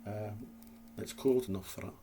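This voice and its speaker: A man's voice: on the low side, steady tone, normal speed, warm tone. A Scottish man vlogging in a casual, rambling, self-deprecating chat to camera, with a slight lisp. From Scotland.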